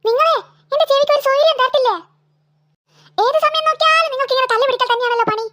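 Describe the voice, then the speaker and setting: A woman's voice: extremely high pitch, fast talker, sharp tone. A woman voicing a tired, scolding mother of two girls in a cartoon. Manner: nagging, exasperated scolding.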